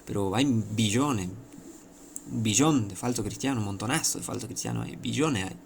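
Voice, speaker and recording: A man's voice: on the low side, moderate pace, gravelly, a little hiss or hum. A man with an Argentine accent preaching an informal sermon, emphatic and repetitive, with many rhetorical questions. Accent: Argentine Spanish.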